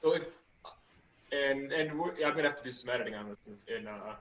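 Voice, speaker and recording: A man's voice: medium pitch, fast, a bit bright, highs cut off. Roomy, distant-sounding man interviewing casually. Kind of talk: casual chat.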